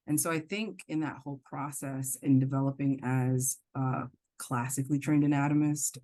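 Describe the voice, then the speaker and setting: A middle-aged woman from the Bahamas speaks as a professor on a podcast. Her voice is dark and mellow, her delivery earnest and measured, with many ums and so's as she gathers her thoughts. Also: extremely low pitch. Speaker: anatomy professor, guest. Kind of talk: podcast interview.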